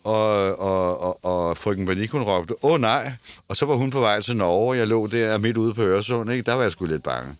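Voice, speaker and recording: Older male guest, casual chat, stammers and restarts, very deep voice, dry studio mic. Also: animated, few pauses, no echo. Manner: stammering, repeats words and restarts. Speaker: interview guest. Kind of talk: casual conversation. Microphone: headphones and studio mic.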